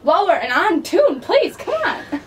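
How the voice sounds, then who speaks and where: Green Giant, bossy and lively by a woman. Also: very high-pitched, unhurried, recorded from a distance, a little hiss or hum, full character voice. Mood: impatient. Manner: impatient, coaxing teacher, laughing at mistakes. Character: bossy jolly Green Giant, male, huge. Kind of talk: homemade comedy skit.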